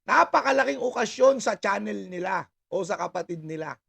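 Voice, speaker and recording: A man's voice: sits high, lively intonation, normal speed, creaky, husky. A man vlogger ranting on a livestream, laughing and taunting as he talks, swearing freely and thanking viewers by name. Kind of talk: mocking livestream rant. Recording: loud background noise.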